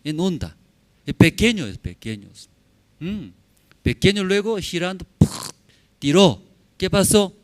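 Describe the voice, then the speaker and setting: A man preaches a sermon in church, his voice pitched a little high and swinging widely as he tells a story. He speaks slowly in short, simple phrases, constantly asking the congregation questions. The sound is dry and close. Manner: animated storytelling, frequent rhetorical questions to the congregation; non-native Spanish with simplified grammar. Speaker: pastor.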